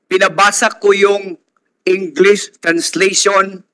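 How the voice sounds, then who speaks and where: Bright-voiced man reading a statement. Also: high voice, flat delivery, takes it slowly, no echo, low-quality recording. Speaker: town mayor giving a statement. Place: hearing room.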